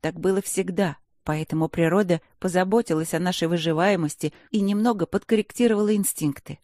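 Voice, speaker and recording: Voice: medium pitch, brisk, darkish tone, no room sound, clean studio sound, natural voice. A narrator voicing a young, proud female werepanther student in a fantasy audiobook, sassy and indignant. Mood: earnest. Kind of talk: audiobook character voice.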